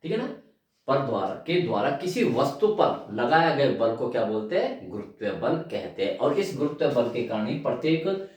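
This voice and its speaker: A male physics teacher giving a classroom lecture, animated and constantly addressing his students, repeating key terms as he writes them out. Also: mid-range voice, moderate pace. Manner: animated, calls out to students often, repeats terms while writing. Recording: loud echo, from far off.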